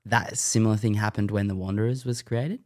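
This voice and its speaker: A man with an Australian accent, a podcast guest chatting in a relaxed, agreeable way. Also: on the low side, fairly quick. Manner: relaxed, agreeable, says bro a lot. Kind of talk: casual chat.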